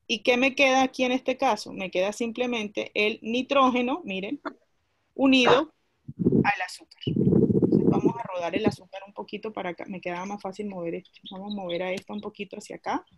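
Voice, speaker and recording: A woman's voice: mid-range voice, a little fast, a little hiss or hum. A woman teaching a class, explaining a chemistry lesson step by step and asking her students questions as she goes.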